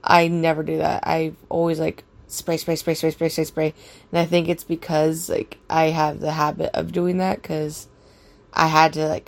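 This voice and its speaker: Her voice raspy and sitting low, a young woman meanders through a personal anecdote in a casual way, peppering it with filler words and curses.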